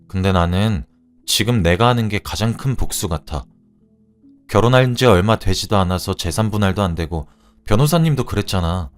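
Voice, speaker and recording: A man plays a sharp young woman in a storybook drama, cold and cutting, her words clipped and deliberate. The voice sits low but swings widely in tone. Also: expressive, soft background music, close to an everyday voice. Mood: calm, gentle. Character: sharp, icy young woman civil servant.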